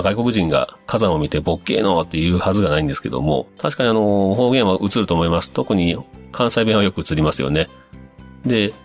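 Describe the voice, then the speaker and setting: Male host, very low voice, relaxed chatty reader of listener messages, light music bed. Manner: relaxed, chatty, with frequent fillers and musing asides. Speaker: podcast host. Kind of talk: casual radio-style talk reading listener messages.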